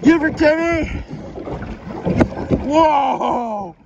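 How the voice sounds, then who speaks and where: A man vlogging from a kayak on a rough river, excited and swearing a lot as the waves hit. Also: very high-pitched, dull audio. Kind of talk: casual swearing chat. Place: outdoors on a windy river in a kayak. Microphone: action camera mounted on kayak. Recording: windy outdoor action-camera audio. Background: wind and rushing water.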